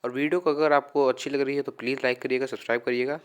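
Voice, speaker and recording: A man's voice: mid-range voice, fairly even intonation, smooth. Man tutoring with a heavy cold. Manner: reads English quiz lines slowly, then explains them. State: has a heavy cold, voice dimmed. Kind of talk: quick exam revision lesson.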